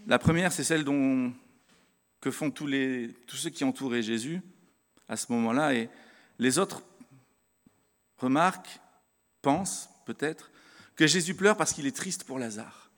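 Male preacher, earnest and conversational, talks straight to the congregation; mid-pitched voice, long hall reverb. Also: measured pace, pauses often, fairly bright tone. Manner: conversational, addresses the congregation directly; earnest, stresses his convictions. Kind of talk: sermon with Bible reading.

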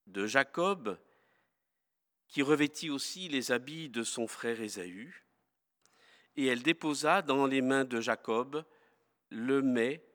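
A man reading scripture aloud, slow, deliberate and solemn. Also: medium pitch, fairly bright tone. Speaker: scripture reader. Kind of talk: Bible reading. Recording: long hall reverb.

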